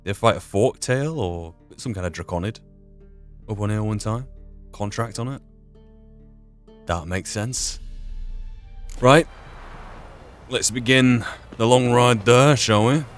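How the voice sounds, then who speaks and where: With video game music behind him, a low-voiced man narrates his roleplay playthrough slowly, pausing at length. His solo commentary is reflective and philosophical, moving in and out of character and full of rhetorical questions.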